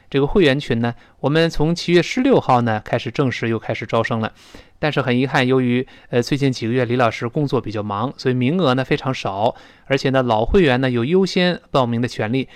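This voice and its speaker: A man from China teaching English pronunciation in a recorded lesson, explaining and demonstrating sounds slowly and loudly. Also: medium pitch, no room sound.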